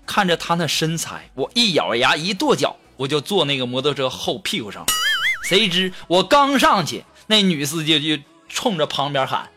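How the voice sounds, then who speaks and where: Animated male joke-show host. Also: a little high, moderate pace. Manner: lively storyteller, acts out quoted lines. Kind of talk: comedic joke-reading radio show. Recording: music bed behind voice.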